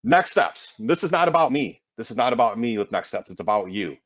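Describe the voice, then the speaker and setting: A man presenting a marketing webinar in an energetic sales pitch, often tossing in "right?". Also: brisk, no echo, muffled recording.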